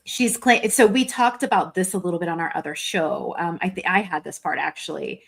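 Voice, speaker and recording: A woman co-hosting a casual panel chat, talking through a legal filing with pauses and restarts. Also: lowish voice, gravelly, breathy edge. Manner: halting, walks through the document with fillers and restarts. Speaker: podcast co-host reading a legal filing.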